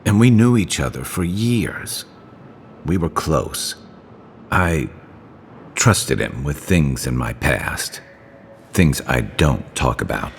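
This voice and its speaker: A world-weary ex-mercenary in a fantasy game, his voice extremely deep and gravelly. He speaks haltingly, as if confessing old guilt, and his pitch rises and falls with feeling. A long reverb and faint hiss hang around the game audio. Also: lively intonation, heavily acted. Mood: somber. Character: weary guilt-ridden male veteran mercenary. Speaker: companion character. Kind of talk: video game voice acting.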